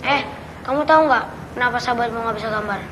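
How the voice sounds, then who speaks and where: A woman's voice: fairly high pitch, fast talker, fairly bright tone, slight background noise, lightly acted. A woman playing a cheeky nine-year-old boy who teases and provokes the other children, in film dialogue. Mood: teasing. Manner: teasing, provoking.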